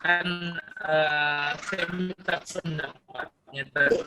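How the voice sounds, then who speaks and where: A man speaks very slowly and haltingly, stalling on fillers as he tries to ask his question. His voice sits a little high for a man. It reaches the class over a bad connection that keeps breaking up, so his words cut in and out. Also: fairly even intonation, over loud music. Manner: hesitant, halting with many fillers. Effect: connection breaking up, voice cutting in and out. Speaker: caller asking a question in an online class. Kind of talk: casual question to a teacher.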